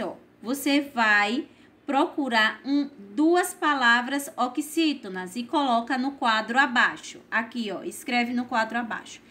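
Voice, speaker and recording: A woman with a Brazilian Portuguese accent teaching a primary school class, explaining each exercise slowly and patiently and checking in with "certo?" after her points. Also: fairly high pitch, a bit bright. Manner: slow, patient, tags lines with "certo?". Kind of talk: recorded remote class lesson.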